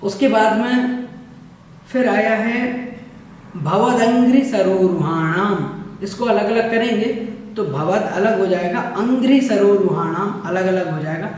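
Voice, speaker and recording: A man teaching a religious text, patiently repeating each word slowly so listeners can practise. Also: sits high, a little mellow. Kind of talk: scripture pronunciation lesson. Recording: echoey distant room recording.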